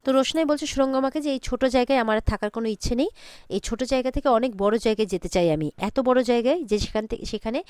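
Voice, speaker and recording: A woman quickly retelling a TV serial episode, running narration and every character's quoted lines together in one steady storytelling voice. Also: a little high, clear, resonant tone, no room sound, clean studio sound.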